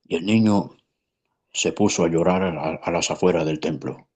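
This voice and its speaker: A man's voice: sits low, normal speed, a little mellow, slightly rough. A man, a pastor, telling a story in conversation in an earnest, emphatic way. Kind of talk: preaching in conversation.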